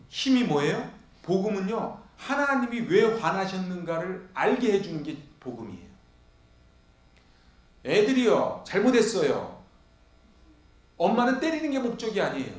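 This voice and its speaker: A male pastor preaching an expository sermon, firing questions at the congregation and answering them himself. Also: high voice. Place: church sanctuary. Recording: echoey church hall.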